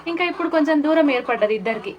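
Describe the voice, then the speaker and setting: A woman's voice: high-pitched, expressive, very fast, highs cut off, a little hiss or hum. A woman, chatting casually to camera at home in a vlog about her evening with her kids. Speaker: vlogger and mother.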